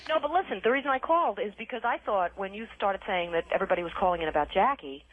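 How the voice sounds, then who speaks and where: A woman's voice: mid-range voice, animated, very fast, narrow, tinny audio, crowd noise. A woman calling in to a radio show, defending herself and laughing along. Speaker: caller. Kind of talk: casual phone-in chat.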